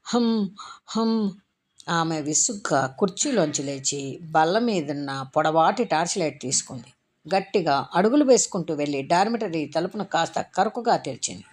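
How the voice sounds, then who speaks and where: A woman narrating a short story in a measured, literary reading. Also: low voice, animated, a little mellow, slightly rough.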